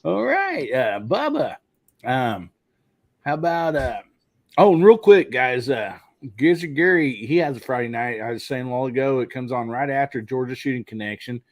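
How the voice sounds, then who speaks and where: A man's voice: mid-range voice, big pitch swings, normal speed, no echo. Rambling man hosting a podcast. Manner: rambling, many fillers. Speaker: podcast host. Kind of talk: casual live podcast chat.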